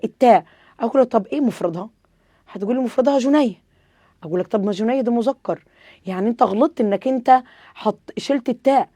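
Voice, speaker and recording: A woman's voice: on the high side, darkish tone, no room sound. A woman with an Egyptian accent teaching an Arabic grammar lesson, asking questions and answering them herself, repeating the rules.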